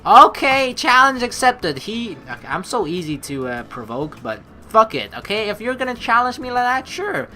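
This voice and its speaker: With a slightly high, sing-song voice that is pushed and bright, a woman reads game narration at a moderate pace, barely pausing. She keeps the let's play playful with teasing, jokey asides while game music runs underneath.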